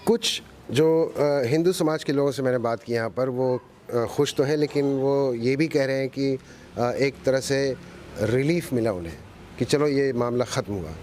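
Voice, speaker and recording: A man's voice: medium pitch, normal speed, a little mellow, a little hiss or hum. A man reporting from the street, asking probing questions and restating the answers back. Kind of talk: street interview.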